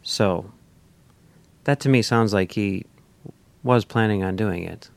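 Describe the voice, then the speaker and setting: A man's voice: on the low side, slow pace, vocal fry, no echo. A man co-hosting a casual podcast discussion, talking in a hesitant way with many restarts. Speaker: podcast co-host.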